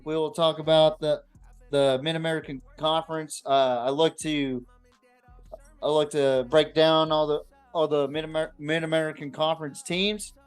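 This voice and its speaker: A man with a smooth, slightly high voice hosts a casual, unscripted sports podcast. He swears freely and talks bluntly in slangy, halting phrases that often repeat.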